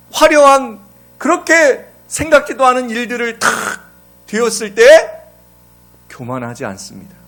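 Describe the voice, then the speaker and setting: A man preaching a sermon as pastor, dramatic, asking his congregation questions and swinging between loud and hushed. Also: high voice.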